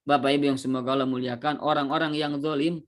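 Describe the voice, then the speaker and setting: A man's voice: mid-range voice, level tone. A man preaching with pious exclamations. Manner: repeats religious exclamations and addresses the audience directly; searching pauses with fillers. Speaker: Islamic preacher. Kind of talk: sermon.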